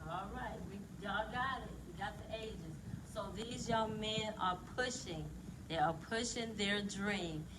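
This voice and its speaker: A woman's voice: mid-range voice, unhurried, very noisy. A woman hosting a talk show, chatting easily with her guests. Her grammar is folksy and informal, and her tone is casual.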